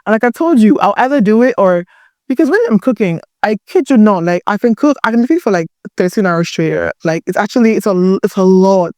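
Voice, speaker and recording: A woman's voice: medium pitch, animated, a little fast, a little mellow, dry recording, studio quality. Chatty young Nigerian woman. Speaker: guest, caterer. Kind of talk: casual chat.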